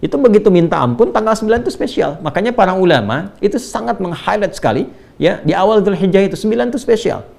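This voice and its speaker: A man with a high-pitched, expressive, slightly mellow voice and some vocal fry talks fast as an Islamic preacher. Delivering a sermon-style religious lecture conversationally, he poses rhetorical questions, uses tag words like "ya", and recites Arabic verses between his explanations.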